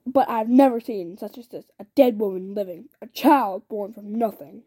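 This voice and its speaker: A woman reading the lines of a stern, otherworldly tall man in a storybook, speaking in a solemn, measured way. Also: medium pitch, mellow, slightly rough, no echo, natural voice. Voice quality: oddly accented.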